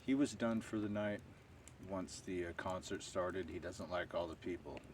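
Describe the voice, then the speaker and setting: A man telling a long story to camera in a rambling, unhurried way, full of fillers. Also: deep voice, darkish tone. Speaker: stealth camping vlogger. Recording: distant outdoor camera audio with faint ambient noise.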